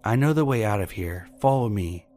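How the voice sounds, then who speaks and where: Brief: shifty stranger in a lab coat, short evasive replies, low voice, read by a male narrator. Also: expressive, fairly quick, dark tone, soft background music, lightly acted. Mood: curt. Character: suspicious adult man in a lab coat.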